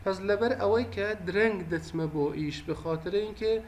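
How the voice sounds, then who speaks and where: A man's voice: sits high, slight background noise. A man teaching a language lesson, patiently repeating and explaining each phrase.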